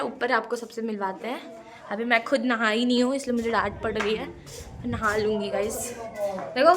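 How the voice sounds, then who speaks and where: A young woman with a fairly high voice chats playfully through a home tour vlog, talking to her viewers as she walks room to room. Family voices murmur around her phone mic. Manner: chatty, playful, addressing viewers as guys. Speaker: vlogger. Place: family house, indoors and courtyard. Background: family members talking around her.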